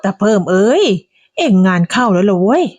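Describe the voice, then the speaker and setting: A woman's voice: medium pitch, sing-song, fairly quick, a little mellow, no echo. A woman voicing a gossipy old neighbor woman who chats and soothes.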